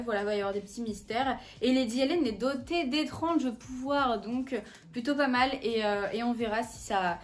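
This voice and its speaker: A young woman with a French accent, chatting casually at home about the books she plans to read, with many fillers and self-corrections. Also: on the high side. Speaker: book vlogger. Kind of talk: casual chat. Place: at home in front of her bookshelves.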